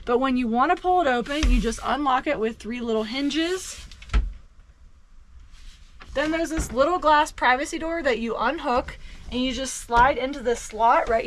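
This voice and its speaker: A woman's voice: high voice, a bit bright, a little hiss or hum. A woman vlogger giving a casual walkthrough tour, speaking to camera from inside a small camper van.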